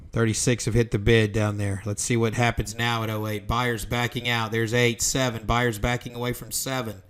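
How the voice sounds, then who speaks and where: A man talks through a live trade, reeling off price ticks and order levels in clipped bursts as if to himself. His voice stays flat and level in pitch throughout, with a mid-range tone for a man. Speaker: trader and trading educator. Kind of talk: live trading commentary on screen.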